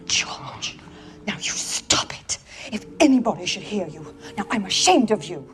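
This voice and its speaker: A woman's voice: medium pitch, very animated, a little fast, lightly acted. An actress playing a flustered middle-aged mother in a 1940s film, fussing and scolding her son.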